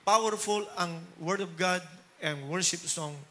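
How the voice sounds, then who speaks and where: Male pastor from the philippines, middle-aged, high voice, keeps asking di ba and amen ba. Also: a little slow, pushed and bright, slight background noise. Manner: mixes Tagalog and English, keeps asking the congregation "di ba?" and "amen ba?". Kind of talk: Sunday sermon.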